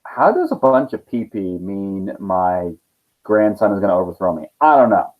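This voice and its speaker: A man's voice: deep voice, sing-song, moderate pace, voice pushed down. A man voicing a paranoid ancient king who fears his grandson, in a casual, modern way of talking. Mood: worried. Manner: casual, modern everyday speech. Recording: tinny phone-like sound.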